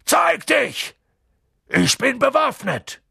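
Hagrid, a man doing a gravelly giant gamekeeper. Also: medium pitch, animated, measured pace, no echo, clean studio sound, full character voice. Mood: shouting. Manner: grim, wary, gets loud and impatient. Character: huge gruff male half-giant gamekeeper, blunt and protective. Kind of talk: audiobook character voice.

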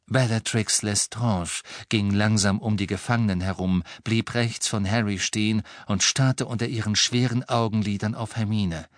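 A man narrating an audiobook in a measured, expressive storytelling manner. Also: fairly low pitch, no echo, clean studio sound.

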